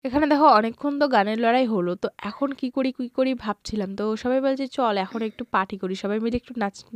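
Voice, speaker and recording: A woman's voice: mid-range voice, no echo. A woman with a slight cold, chatting to her viewers in a casual vlog voice-over. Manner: chatty, talks straight to viewers. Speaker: vlogger.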